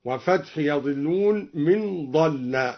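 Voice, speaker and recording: Higher-voiced man teaching Quranic readings. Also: lively intonation. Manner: switches between brisk explanation and slow melodic recitation. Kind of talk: lesson on Quranic reading variants. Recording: muffled lo-fi recording.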